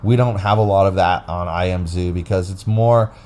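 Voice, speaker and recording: Talking into a phone app, a man co-hosts an unscripted podcast and explains things in a loose, wandering way. He has a low, slightly mellow voice, keeping a steady tone and moderate pace.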